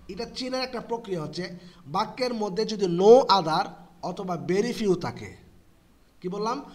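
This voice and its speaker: A man teaching English grammar to students. He keeps asking rhetorical questions, answers them himself and spells words out letter by letter. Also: high-pitched. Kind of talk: explanatory lesson for students.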